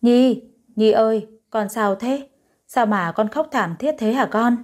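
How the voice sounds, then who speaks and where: A woman's voice: fairly high pitch, measured pace, a little mellow, lightly acted. A woman voicing a worried older stepmother in an audio story, fussing anxiously.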